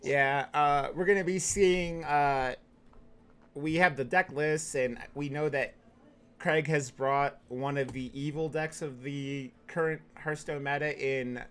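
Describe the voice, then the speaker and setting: A man's voice: fairly high pitch, steady tone, slow, a bit bright, clear, resonant tone. A man hosting as an esports caster, introducing a match in a chatty, informal, explanatory way.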